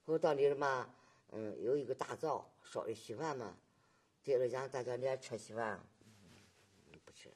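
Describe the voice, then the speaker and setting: Husky elderly woman. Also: very deep voice, darkish tone. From Nanjing, China. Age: 80s. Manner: halting, repetitive storytelling with frequent tag questions. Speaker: survivor giving testimony. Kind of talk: oral history testimony.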